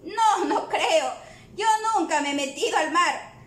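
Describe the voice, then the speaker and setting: Woman voicing a high-pitched fussy cow girl for a storybook reading, whiny and stubborn, roomy echo. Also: expressive, a little slow. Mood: protesting. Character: fussy young female cow, stubborn and fretful. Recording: echoey room.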